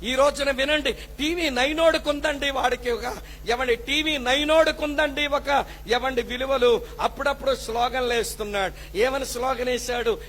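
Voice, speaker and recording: High-voiced, scolding preacher man. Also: fairly even intonation, moderate pace, a bit bright, a little hiss or hum. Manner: fervent, scolding preaching with rhetorical questions. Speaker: pastor. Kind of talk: sermon.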